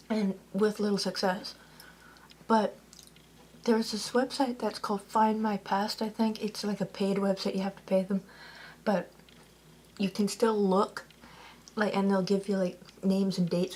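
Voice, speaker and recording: A woman's voice: mid-range voice, level tone, unhurried, pauses often, darkish tone, a little hiss or hum. A woman vlogging in a casual, rambling way, peppering her talk with "like" and correcting herself as she goes. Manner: chatty, lots of "like", self-correcting.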